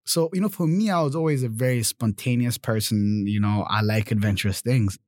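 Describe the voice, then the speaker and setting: A young man from Germany talks through his own story in a relaxed interview, with a lowish voice and dry, close sound. He is animated, checking in with "right?" and "you know" as he goes. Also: brisk, no room sound. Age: 20s. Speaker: guest. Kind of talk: casual interview conversation.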